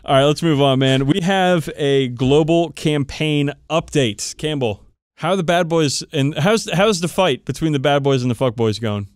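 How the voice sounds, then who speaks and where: In a clean studio recording with no echo, a man co-hosts a podcast, chatting casually about tabletop wargaming. He is emphatic, irreverent and full of swearing, with a slightly high voice at normal speed.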